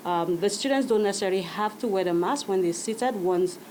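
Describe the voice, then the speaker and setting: A woman speaking in a news interview as head of a medical association, calm and measured, with fillers now and then. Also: mid-range voice, a little hiss or hum, poor audio.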